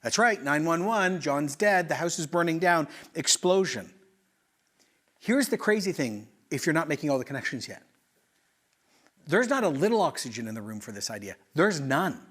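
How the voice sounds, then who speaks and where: Man, pastor, middle-aged, sermon, lively asides, rhetorical questions, fairly high voice. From Canada. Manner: animated, conversational preaching with rhetorical questions and quick asides.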